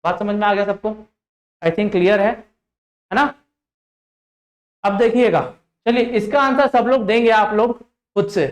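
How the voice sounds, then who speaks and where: An Indian man with a high-pitched voice teaches a live online class in an echoey room, going slowly with long pauses. He keeps it interactive, quizzing and drilling students with questions and repeating short check-ins like "ठीक है" and "देखिएगा" as he explains.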